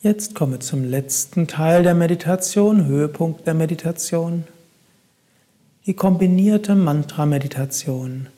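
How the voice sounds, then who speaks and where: A man guiding a meditation in a calm, soft-spoken way, with long pauses between instructions. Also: a little high. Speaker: meditation guide.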